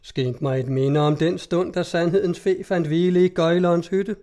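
A man's voice: on the high side, natural voice. A man reading as a grovelling hunchbacked jester. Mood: fawning. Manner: grovelling, ornate flattery. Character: fawning hunchbacked male jester, flowery and servile.

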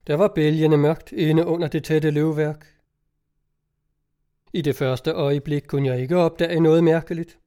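Male storybook narrator, steady measured reading, warm mellow tone. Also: a little high. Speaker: audiobook narrator. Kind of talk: scripted narration.

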